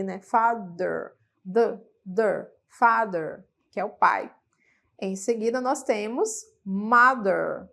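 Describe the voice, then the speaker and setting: A woman's voice: a little high, fairly bright tone. A woman with a Brazilian Portuguese accent, teaching English vocabulary in a classroom lesson, checking in with frequent tag questions and repeating words for practice.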